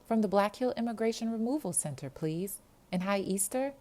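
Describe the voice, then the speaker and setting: A woman's voice: medium pitch, animated, fairly quick, a little mellow, voice pushed up, natural voice. A woman voicing a young refugee girl who speaks careful, formal, polite English.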